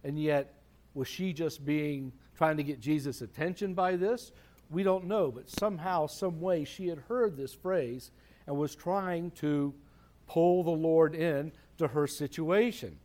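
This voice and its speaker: A man's voice: fairly high pitch, unhurried, darkish tone. A man preaching a conversational sermon, asking rhetorical questions and repeating phrases for emphasis.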